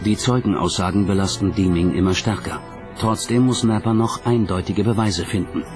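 This is scripted documentary narration by a man whose voice is low-pitched and whose delivery moves at normal speed, laid over background music.

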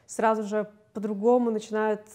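A young woman, a singer, talking candidly and casually in an interview, chatty and quick to laugh. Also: mid-range voice, flat delivery, dark tone.

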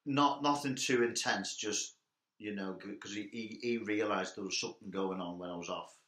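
A man's voice: on the low side, moderate pace, a bit bright. A young man, a guest in a casual interview chat, easygoing with dry humour and some hesitant restarts. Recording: echoey room.

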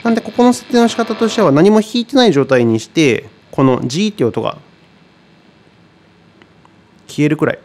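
A man teaching guitar in a relaxed tutorial, chatty and thinking aloud with many fillers. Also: on the high side, normal speed, pauses often, slight background noise. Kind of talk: casual tutorial explanation.

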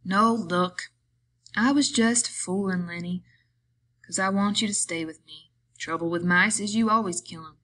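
A woman voicing a gruff, quick-tempered grown man, a ranch hand with rough rural drawling speech. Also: mid-range voice, sharp tone. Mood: gruffly softening.

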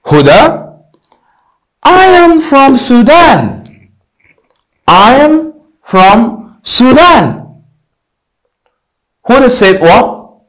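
A young man teaching an English lesson at a whiteboard, repeating drill phrases slowly and emphatically, on a lapel mic. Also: very high-pitched, very animated, fairly bright tone, low-quality recording. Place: indoor studio in front of a whiteboard.

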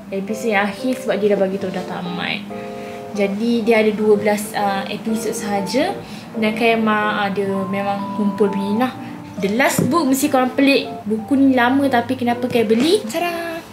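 A young woman with a Malaysian accent chatting casually to viewers as a video blogger, talking to camera in a room at home. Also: a little high. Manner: chatty, addresses viewers directly. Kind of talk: casual chat to camera, unboxing and giveaway. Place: small indoor room at home. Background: background music.

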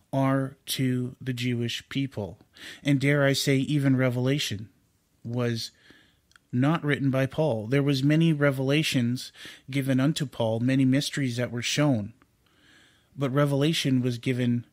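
Man, home bible study teacher, earnest, unscripted, mid pitch, dry close mic. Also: no room sound. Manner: earnest, unscripted, frequent fillers and restarts.

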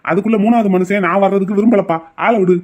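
Guy as a patient dad type, fairly high voice, talks quick but calm. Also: natural voice. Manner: patient, measured persuasion. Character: calm reasoning father and older brother.

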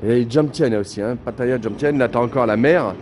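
A man's voice: medium pitch, normal speed, darkish tone, slight background noise. Chatty man giving a walking video tour. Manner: chatty, many fillers and restarts, talks straight to the viewer. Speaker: travel vlogger. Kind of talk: casual vlog tour. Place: walking through an apartment building and rooftop.

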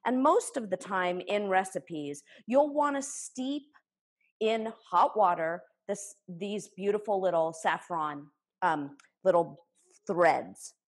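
Recorded by a camera placed a few feet off, this cooking instructor, a woman in her forties, demonstrates a recipe live in her own kitchen. She chops while walking through every step with enthusiasm, her medium-pitched voice carrying a breathy edge.

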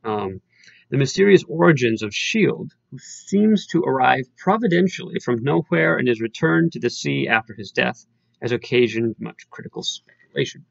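A man lectures on an old poem in a rough, gravelly, husky voice. He explains step by step and keeps checking in with "right?". The recording is dry and a bit dull. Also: medium pitch, animated, normal speed, no room sound. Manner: explanatory, frequent "right?" tags. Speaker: literature teacher. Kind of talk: lecture with read-aloud verse.

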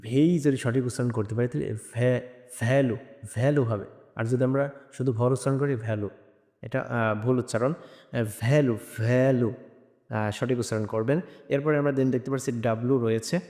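A man from Bangladesh teaching a lesson, hesitant, with frequent "ah" fillers, repeating sounds slowly. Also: medium pitch, fairly even intonation, dark tone. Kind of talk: spoken lesson. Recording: long echoing reverb.

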